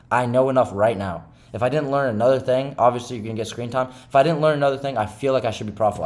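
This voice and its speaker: A man vlogging about his day trading, talking to himself in a rambling, self-critical way and often tagging his points with "right?". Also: medium pitch. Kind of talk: candid self-talk monologue.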